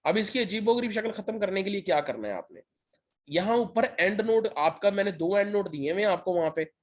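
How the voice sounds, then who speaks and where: A man walks his students through a software tutorial one step at a time. His throat is sore, and he keeps pausing to check that everyone is following. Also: high voice, lively intonation. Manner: step-by-step, repeats "ठीक है" to check in. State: sore throat, occasional cough. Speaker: lecturer. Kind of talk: screen-share software tutorial.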